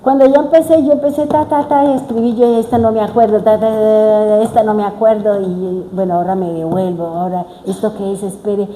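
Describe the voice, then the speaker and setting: A woman giving a testimony-style sermon, telling her story with animated retellings of her own words. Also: medium pitch, fairly quick, hardly any pauses. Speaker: preacher. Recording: echoey room with faint noise.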